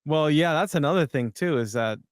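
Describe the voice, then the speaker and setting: Podcast guy chatting over clips, smooth clear voice, dry sound, kinda hesitant, lots of restarts. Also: a little high, expressive, fairly quick, dry recording. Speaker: podcast host. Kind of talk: casual commentary on video clips.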